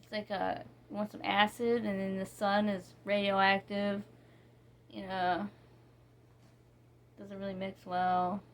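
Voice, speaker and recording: A woman's voice: mid-range voice, flat delivery, slight background noise. Rambling woman reviewing soap. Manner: rambling, reading ingredients slowly, with many fillers and restarts. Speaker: vlogger reviewing soaps. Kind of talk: casual product review chat.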